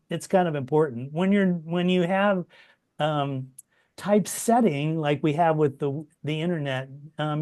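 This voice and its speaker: A middle-aged man teaching a copyediting workshop over a video call, relaxed and chatty, with many fillers and restarts. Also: a little high. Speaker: workshop instructor. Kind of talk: informal online workshop teaching.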